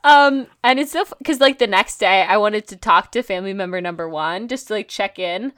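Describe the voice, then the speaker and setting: A woman co-hosting a podcast, telling a story in casual chat, animated and quick to laugh. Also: medium pitch, dry recording, clean studio sound. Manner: animated, laughs often, quotes herself. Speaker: podcast co-host.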